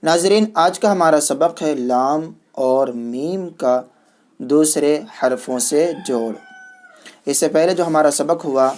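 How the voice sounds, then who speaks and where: A man teaching reading, opening with formal religious greetings and then slowly spelling words out letter by letter, with the letter names said louder. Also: a little high. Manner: opens with formal Islamic greetings.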